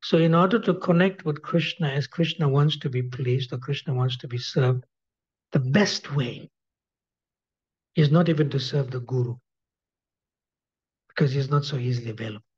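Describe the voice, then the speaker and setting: Brief: husky male swami lecturing, slightly high voice, repeats his points, dull lo-fi sound. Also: moderate pace, pauses often, a little mellow. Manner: repeats key phrases, asks the audience questions. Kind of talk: devotional lecture. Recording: dull lo-fi recording.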